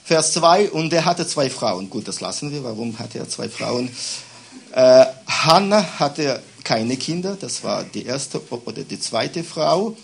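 A man preaching a sermon in German in short bursts for an interpreter, with many fillers, reading scripture aloud slowly. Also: medium pitch, expressive, creaky, slightly rough.

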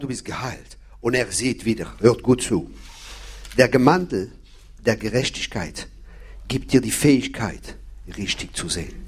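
A husky, medium-pitched male voice delivers a sermon. The preacher is emphatic, returning again and again to key phrases and asking his listeners questions.

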